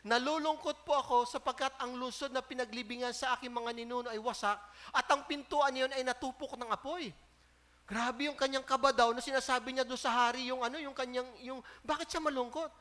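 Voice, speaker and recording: A man with a Filipino accent preaching a sermon as pastor, animated and joking, acting out the voices he quotes. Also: very high voice, brisk. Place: church.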